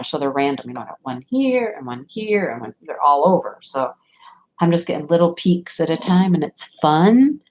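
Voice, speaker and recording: A chatty woman with a lowish voice hosts a diamond painting livestream, chatting casually while she crafts. A sinus infection has left her with a stuffy nose, and she rambles and laughs often.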